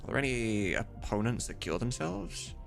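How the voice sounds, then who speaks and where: A man with a mid-range voice, wide pitch swings, vocal fry, and a moderate pace talks on his livestream, casually thinking aloud with enthusiasm, emphasis, and some mild swearing. He directs voices for a game mod and streams, with background music present.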